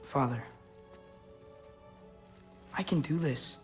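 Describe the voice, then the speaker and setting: An actor playing an earnest, sometimes playful teenage demigod in video game dialogue. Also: male voice, mid-range voice, drawn-out words, faint music behind.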